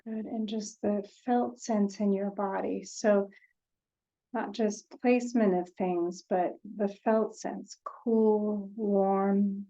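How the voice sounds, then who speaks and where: A woman takes listeners through a guided meditation at an unhurried, gentle pace, with long silences between short phrases. Her voice is mid-range, and the audio sounds dull.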